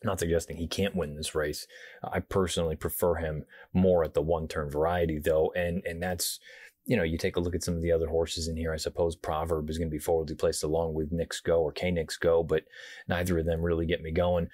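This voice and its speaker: A low-voiced man hosts a horse racing preview in a hushed, restrained tone, as if careful not to be loud. His voice is slightly husky and the sound is close and dry. The commentary is casual and conversational. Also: little pitch movement, fairly quick, no echo. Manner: hushed, quiet indoor voice, holding volume down. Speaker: horse racing show host. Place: hotel room.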